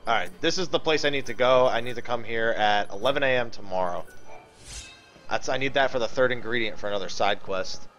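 A man with a medium-pitched, slightly bright voice talks a little fast while hosting a livestream of himself playing a video game. He gives casual commentary, thinks aloud and swears as he chats with viewers, with game music playing behind him.

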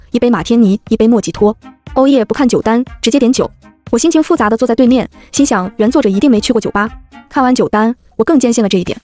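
A woman's voice: on the high side, darkish tone. A woman narrating a comic web-novel story in the first person, in a snarky, joking manner.

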